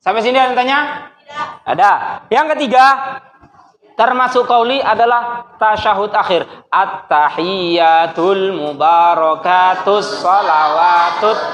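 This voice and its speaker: A male teacher giving a classroom lesson, lively and teasing, quizzing his students and mimicking their questions. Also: very high-pitched, moderate pace, pauses often. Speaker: religious studies teacher. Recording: echoey classroom with faint noise.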